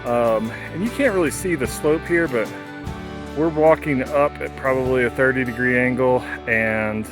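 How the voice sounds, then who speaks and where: A man's voice: mid-range voice, normal speed, over music. A man talking casually as he narrates a hiking vlog outdoors on a trail.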